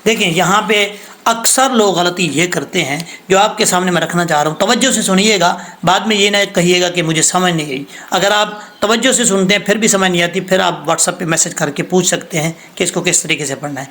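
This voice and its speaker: High-voiced man teaching Quran recitation. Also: pushed and bright. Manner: patient explanatory teacher, slows to recite verses. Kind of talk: recorded recitation lesson.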